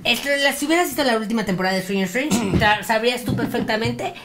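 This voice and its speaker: A woman chats on a talk show, her voice a little higher than most. She stretches her words out as she tells a story. Faint noise hums in the background. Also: fast talker. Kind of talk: casual chat.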